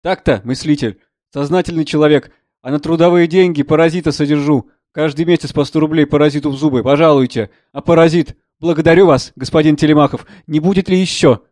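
Man doing a gruff mocking old general. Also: fairly high pitch, fairly even intonation, a little fast, dry recording, studio quality, natural voice. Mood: blustering. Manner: blustering, mocking, shouts out bursts. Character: gruff, sardonic older male doctor, a general.

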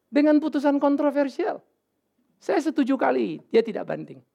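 A male pastor preaching a sermon in a casual, animated way, with sudden loud outbursts and English words mixed in. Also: very high voice, moderate pace, gravelly. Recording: dull lo-fi sermon recording.

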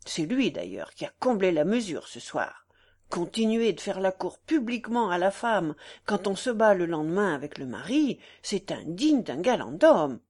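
A woman's voice: lowish voice, very animated, moderate pace, darkish tone, husky, full character voice. A woman reading as a brutal sneering husband. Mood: hurried, harsh. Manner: blustering, harsh and mocking. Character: brutal sneering aristocratic husband, middle-aged man.

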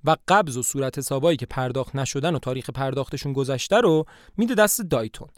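A man narrating the story of a play for a podcast in a lively, animated way. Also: medium pitch, dry recording, studio quality.

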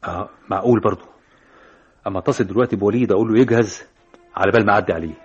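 A man's voice: fairly low pitch, very fast, slightly rough. An actor playing a stern, short-tempered engineer and father with an Egyptian accent in an old radio drama. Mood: businesslike. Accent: Egyptian Arabic. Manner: curt, brusque, impatient. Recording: dull old radio recording with music.

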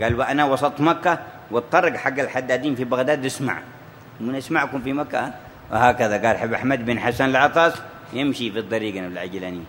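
A man's voice: mid-range voice, fairly bright tone, a little hiss or hum. A man teaching a religious text, telling stories and acting out the quoted voices. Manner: storytelling with quoted voices, rising and falling emphasis. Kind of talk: sermon-style commentary on a classical text. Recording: echoey hall with faint ambience.

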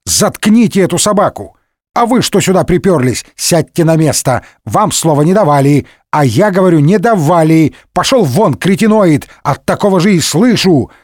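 A man's voice: sits high, animated, a little slow, no room sound, studio quality, voice pushed up. A man voicing a rude, harried parliament speaker who bullies the chamber. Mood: rowdy. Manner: brash, bullying shouting.

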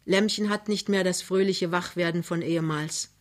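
A woman reading a novel aloud in a calm, measured narration. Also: fairly low pitch. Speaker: reader. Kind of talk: literary reading.

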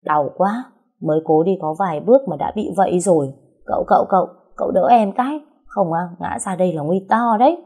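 A woman voicing a feisty, sharp-tongued young wife who teases and argues cheekily. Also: fairly low pitch, lively intonation, slightly rough. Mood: whiny. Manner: cheeky, teasing, quick to argue.

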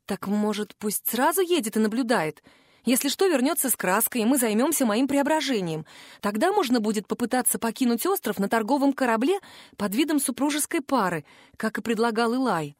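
Woman, audiobook narration, fairly high voice, dry close sound. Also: expressive, brisk, no room sound. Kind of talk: first-person audiobook narration.

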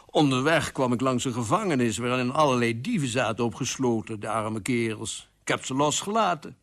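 A man voicing a tearful, soft-hearted young king who talks slowly and mournfully. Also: mid-range voice, lightly acted.

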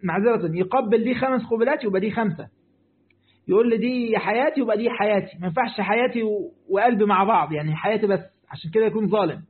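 A man's voice: sits high, fast talker. A man with an Egyptian Arabic accent, a sheikh giving a religious lesson who speaks straight to his listeners, repeats his points and answers their questions. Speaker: sheikh teaching Quran commentary. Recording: tinny phone-like line.

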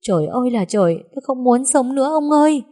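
A woman's voice: fairly low pitch, normal speed, mellow, natural voice. A woman voicing a grief-stricken older mother-in-law who wails and laments in an audiobook story. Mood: wailing despair. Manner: wailing, lamenting.

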